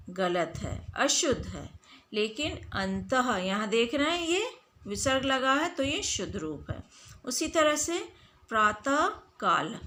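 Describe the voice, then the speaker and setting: A woman's voice: on the high side, bright, forceful tone. A woman teacher giving a lesson to students, stretching out words and asking quiz-style questions. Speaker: school Hindi teacher. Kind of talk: online classroom lesson.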